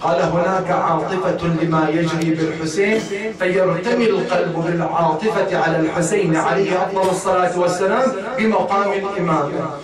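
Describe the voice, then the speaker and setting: High-voiced preacher in echoey hall. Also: male voice, fairly even intonation, a little fast. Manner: impassioned, mournful storytelling. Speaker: mulla preacher. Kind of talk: Shia mourning sermon. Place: mourning hall with gathered listeners. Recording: echoey hall from far off, crowd.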